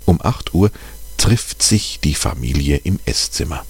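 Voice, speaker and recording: A man reading a children's story aloud as the narrator, clear and expressive. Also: a bass voice, unhurried.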